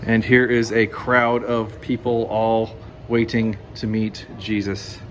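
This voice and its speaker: A man vlogging a walk through an indoor wax museum, chatting with his viewers and quizzing them with questions, often pausing with fillers and restarts. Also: fairly low pitch, level tone, a bit bright, a little hiss or hum. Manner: hesitant, frequent fillers and restarts. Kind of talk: casual walk-through commentary.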